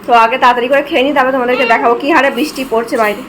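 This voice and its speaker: A woman's voice: sits high, steady tone, rapid-fire, fairly bright tone, slight background noise, poor audio. A woman chatting to her viewers as friends in a casual home vlog, filmed at home. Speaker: vlogger.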